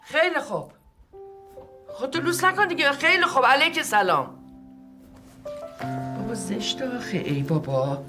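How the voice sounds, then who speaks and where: A woman's voice: high voice, lively intonation, long pauses, bright, forceful tone. A woman playing a melodramatic mother who scolds her husband over the phone in a comedy sketch. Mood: angry scolding. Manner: nagging, melodramatic. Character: scolding, fussy housewife on the phone. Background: background music.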